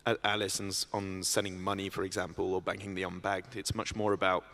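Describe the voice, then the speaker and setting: Low-voiced man, hesitant panelist. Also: little pitch movement, brisk, fairly bright tone. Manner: hesitant, many restarts and ums. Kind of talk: conference panel discussion. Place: conference stage. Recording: reverberant conference hall.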